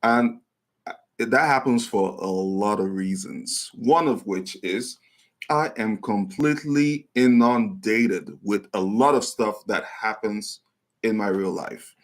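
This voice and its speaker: A man's voice: fairly low pitch, takes it slowly. A man hosting his own channel, talking casually and apologetically on a livestream, with many ums and restarts. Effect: livestream microphone audio. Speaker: channel host.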